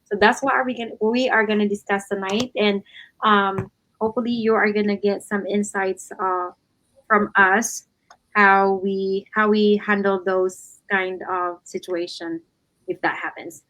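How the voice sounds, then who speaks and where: A woman's voice: medium pitch, steady tone, unhurried, a bit bright. Chatty Filipino-born woman host. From Philippines. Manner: chatty, filler-heavy, easygoing. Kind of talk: casual webinar-style talk show.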